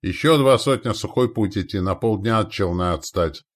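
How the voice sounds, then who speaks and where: A man's voice: lowish voice, moderate pace, close to an everyday voice. A man voicing a hearty, tall, red-bearded foreign warrior chief who speaks in broken grammar in an audiobook.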